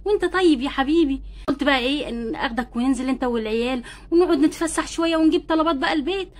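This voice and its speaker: A woman voicing a caring, brisk young wife doll in an Egyptian Arabic accent, coaxing and a little bossy. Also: high voice, natural voice. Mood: cheerful. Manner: coaxing, bossy but tender. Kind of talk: doll play acting.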